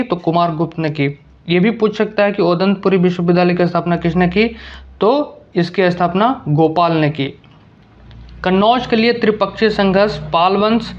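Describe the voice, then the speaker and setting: A man giving an exam-prep history lecture, posing likely quiz questions and answering them himself. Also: high voice. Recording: slightly dull lo-fi audio.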